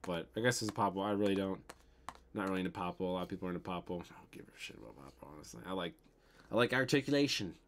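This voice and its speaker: Rapid-fire and animated, his low-pitched voice sounds a bit bright, with slight background noise. This young adult from the American Midwest hosts a toy unboxing livestream in his bedroom, chatting loosely in a Midwestern accent, answering comments, saying um often, and swearing casually.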